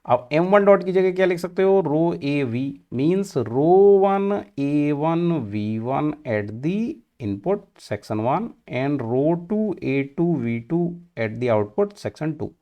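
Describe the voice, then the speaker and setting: Teaching an engineering class, a man with an Indian accent speaks in a mellow voice on the high side with lively intonation. His Hindi-English delivery is slow and deliberate with key terms stretched out, and he raises questions only to answer them himself.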